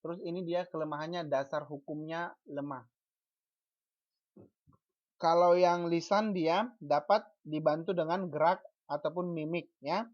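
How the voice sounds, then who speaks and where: A teacher lectures an online class over a video call, speaking slowly and deliberately. The teacher poses questions to students and answers them, often restarting words and repeating syllables. The call audio is dull and lo-fi. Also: mid-range voice, steady tone, darkish tone. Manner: frequent false starts and repeated syllables.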